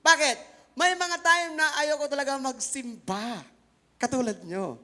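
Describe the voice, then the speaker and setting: A man with a strikingly high, bright voice delivers a Sunday sermon built on his own testimony. He talks straight to the congregation and mixes in English phrases. He drops to quiet asides, then rises to loud, emphatic lines. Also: a little slow. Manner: addresses congregation directly, mixing in English phrases. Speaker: preacher.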